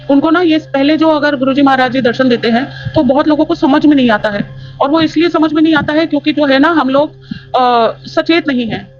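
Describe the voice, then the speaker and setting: Earnest woman sharing a devotional testimony. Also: high-pitched. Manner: earnest, rambling with fillers and restarts. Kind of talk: casual spoken testimony. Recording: dull lo-fi audio.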